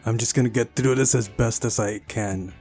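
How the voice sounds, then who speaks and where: Hosting a visual novel let's play, a man with a mid-range, dark voice reads the text aloud at a moderate pace and reacts with incredulous, exasperated asides. Faint music sits behind him.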